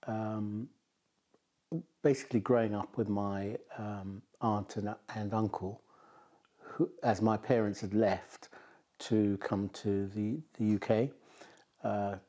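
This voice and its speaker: A man in his sixties from Jamaica recalls his early childhood in an interview, speaking in a measured way with many pauses, seated in a living room. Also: lowish voice, mellow. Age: 60s. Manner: measured, thoughtful, many ums. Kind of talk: reflective interview recollection. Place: bright living room with bookshelves. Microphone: seated on a sofa, filmed from the front.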